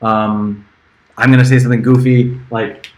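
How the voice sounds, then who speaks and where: A middle-aged musician livestreams to friends and fans in a low-quality recording, speaking at a moderate pace with a medium pitch that barely moves. He rambles informally, gets easily sidetracked from one aside to the next, and chuckles now and then.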